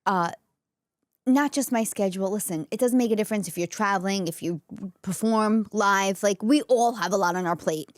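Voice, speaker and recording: A woman in a close, dry studio recording. She talks casually and candidly at a medium pitch, addressing listeners directly as a podcast host. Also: normal speed, dry recording. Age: 40s. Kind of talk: casual solo talk to audience.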